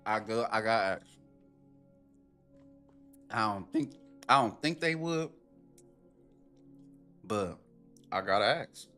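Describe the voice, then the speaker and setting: A man's voice: fairly low pitch, takes it slowly, long pauses, faint music behind. Profane man ranting on a stream. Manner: animated, profane, rhetorical ranting. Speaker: streamer reacting to a video. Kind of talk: casual stream commentary.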